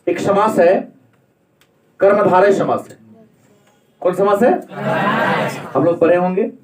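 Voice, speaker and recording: A man's voice: a little high, darkish tone. A man teaching Hindi grammar in a classroom lecture, asking the class questions and then answering them himself. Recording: echoey room, mic far off.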